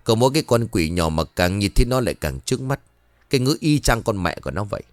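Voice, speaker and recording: A man's voice: very animated, quick pace, no room sound. A man voicing a cruel, abusive pregnant stepmother who scolds harshly. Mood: grumbling. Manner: harsh scolding, shrill shouting.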